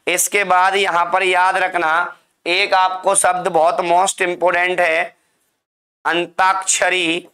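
A man's voice: high-pitched, sharp tone. A male teacher giving a classroom spelling lesson, drilling and repeating words for his students. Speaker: Hindi teacher.

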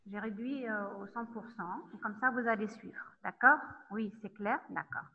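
A woman lecturer teaching an online class, talking haltingly with many fillers and checking in often with her students. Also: mid-range voice, breathy edge. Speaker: university lecturer. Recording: tinny phone-like line.

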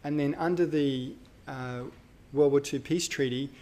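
A man's voice: medium pitch, steady tone, a little slow, darkish tone. A man giving a live university lecture, talking casually with fillers and self-corrections. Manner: conversational, thinks aloud with fillers and self-corrections.

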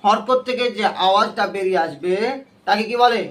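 High-voiced man teaching a Quran class. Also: a little fast, crowd noise. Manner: drills students with repeated questions. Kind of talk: call-and-response class lesson.

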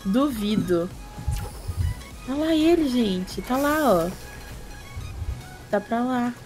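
A woman's voice: a little high, expressive, extremely slow, a little mellow, poor audio. A woman with a Brazilian accent chatting casually and teasingly while she streams a game. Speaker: gaming streamer. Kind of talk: casual live-stream chat while gaming. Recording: music playing behind. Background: music.

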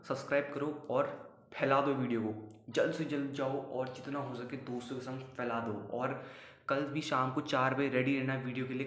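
Male fitness host, casual instructional voice-over, monotone delivery, roomy echo. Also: medium pitch. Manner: casual, upbeat, urging viewers. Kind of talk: home workout instruction voice-over.

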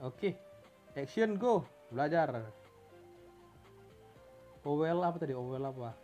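Male let's-play host from Indonesia, fairly high voice, playful engine-noise commentary. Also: animated, measured pace, a little mellow, faint music behind. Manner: playful, makes engine noises and mixes in English words. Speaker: gamer.

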